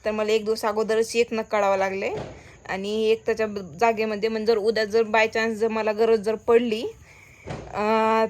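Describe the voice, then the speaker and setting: A woman's voice: fairly high pitch, darkish tone, slight background noise. Chatty, laughing woman vlogger. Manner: chatty, laughing, playfully complaining. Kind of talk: casual vlog chat.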